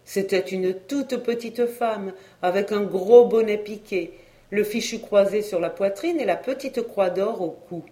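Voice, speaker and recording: Brief: steady audiobook narrator, measured classic storytelling, mid pitch. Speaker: audiobook reader. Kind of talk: scripted narration of a classic novel.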